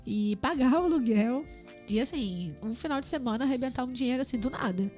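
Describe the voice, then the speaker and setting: A woman's voice: high voice, animated, brisk, a little mellow, soft background music. A woman with a Brazilian Portuguese accent, a tattoo artist and podcast guest, speaking earnestly and reflectively in casual chat.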